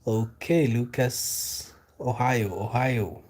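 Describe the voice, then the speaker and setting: On a live stream, a young Kenyan man reads out chat comments and asks his viewers questions, often repeating them and filling gaps with lots of ums. His medium-pitched voice is fairly even and a little mellow, with some hiss or hum, and his delivery is loose and unhurried.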